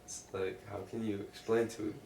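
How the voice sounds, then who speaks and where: Low, creaky male interviewee, loose drunken rambling and swearing, casual chat picked up across an echoey room. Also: little pitch movement, moderate pace, darkish tone. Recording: roomy, distant mic, faint noise.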